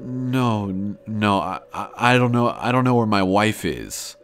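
A man's voice: lowish voice, lively intonation, a little slow, music in the background. A man doing a slurring, creepy drunk. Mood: pleading. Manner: slurred, stammering pleading.

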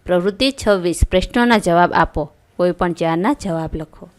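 A woman teacher reading a school lesson aloud, stating each question and then its answer clearly. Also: lowish voice, a little fast.

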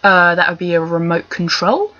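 Sitting in a small bedroom, this young Surrey vlogger answers accent challenge questions at her laptop webcam, rambling wryly and swearing as she goes. Her posh English accent carries a low-ish, bright, forceful voice at normal speed, captured with dull lo-fi sound from desk distance.

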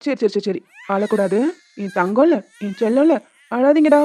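A woman's voice: high voice, a little fast, a little mellow, lightly acted. A woman voicing a young grieving husband and doting father in a cartoon, speaking in an emotional, tearful, pleading way. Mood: soothing baby. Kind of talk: cartoon voice acting.

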